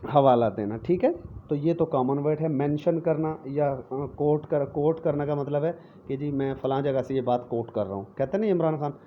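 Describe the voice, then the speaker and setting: Teacher explaining vocabulary, lo-fi. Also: male voice, on the high side. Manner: explains words slowly with many repetitions and "theek hai" check-ins. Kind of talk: recorded lecture. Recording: dull lo-fi lecture recording with faint noise.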